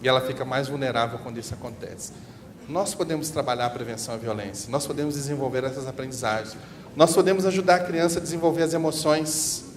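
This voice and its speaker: Animated man preaching in a reverberant hall. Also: medium pitch, quick pace. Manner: animated, preaching, with acted examples. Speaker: seminar speaker. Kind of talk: church seminar talk. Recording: reverberant hall, faint noise.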